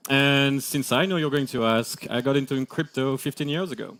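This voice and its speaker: A man's voice: mid-range voice, moderate pace, fairly bright tone. A man with a French accent presenting a scripted keynote on stage, bantering playfully with his co-presenters. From France. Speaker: crypto executive presenter.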